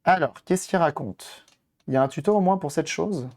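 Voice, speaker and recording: Hoarse man chatting on a live stream. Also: on the high side, moderate pace, a little mellow. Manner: chatty, talks to viewers while tinkering, thinks aloud. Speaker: streamer doing electronics modding. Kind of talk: casual live-stream chat while working.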